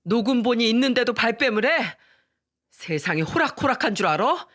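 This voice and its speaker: A woman's voice: a little high, big pitch swings, a little fast, a bit bright, pitched above the performer's own voice. A woman voicing a betrayed young husband who speaks with scorn in a storybook reading. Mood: contemptuous. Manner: scornful and cutting.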